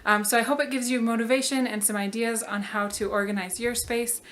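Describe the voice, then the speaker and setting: A woman's voice: fairly high pitch, steady tone, brisk, fairly bright tone. A young woman from Colorado, chatting casually through a home organizing vlog with frequent ums and likes. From Colorado, USA. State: slightly out of breath. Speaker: vlogger.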